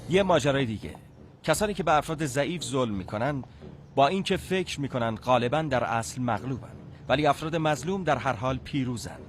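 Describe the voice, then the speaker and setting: A man reading a scripted moralizing narration in a measured voice. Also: mid-range voice, expressive, faint music behind.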